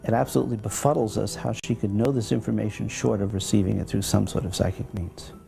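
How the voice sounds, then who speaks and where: A man's voice: fairly low pitch, fairly even intonation, fast, creaky. A man speaking as a professor in a serious, formal expert interview. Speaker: psychology professor. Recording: interview with faint music behind.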